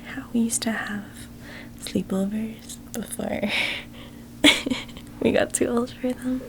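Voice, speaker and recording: A very slow, soft spa-like whisper in an ASMR whispered role-play. A woman plays an affectionate childhood best friend, tender and lightly teasing. The voice sits fairly high and soothes as it guides the listener to relax. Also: fairly even intonation. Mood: playful teasing.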